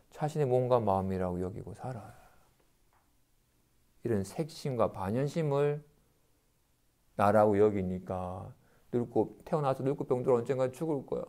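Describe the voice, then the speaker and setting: A man, a Buddhist monk, giving a dharma lecture and acting out everyday complaints in quick asides. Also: medium pitch, darkish tone.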